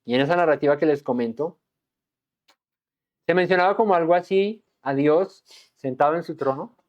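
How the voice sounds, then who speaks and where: A man's voice: a little high, normal speed, highs cut off. A man preaching a verse-by-verse Bible sermon, dramatically acting out the voices of angels and God.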